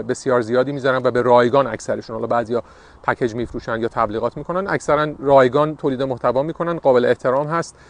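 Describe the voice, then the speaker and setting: A man's voice: medium pitch, fairly bright tone. A man in his fifties, a veteran English teacher, explaining his aims in an earnest way with many hesitation fillers. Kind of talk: explanatory monologue.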